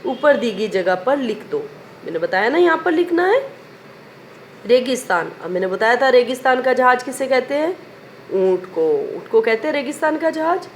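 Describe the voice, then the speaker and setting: A woman's voice: a little high, big pitch swings, moderate pace, slight background noise. A woman teacher reciting a children's poem in a sing-song way, asking questions and answering them herself. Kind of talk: primary school lesson recitation.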